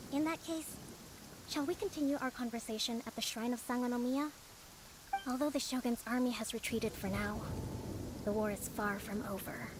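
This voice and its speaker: A woman's voice: fairly high pitch, background noise, close to an everyday voice. A woman voicing a composed young priestess who leads a resistance in a video game, speaking politely and formally.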